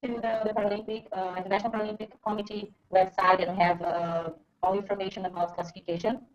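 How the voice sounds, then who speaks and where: A woman's voice: medium pitch, level tone, brisk. Woman on a choppy, breaking-up call. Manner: hesitant, repeats words. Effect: choppy, breaking-up internet call audio. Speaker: student presenting in an online class. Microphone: video call. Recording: lo-fi, dropping-out online call audio.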